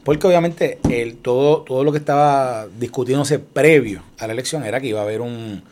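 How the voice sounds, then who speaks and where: A man's voice: mid-range voice, brisk, a little mellow. A man co-hosting a radio show, chatting about politics and acting out quoted people as he tells a story. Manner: storytelling, acts out quoted voices. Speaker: radio co-host. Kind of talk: casual political chat.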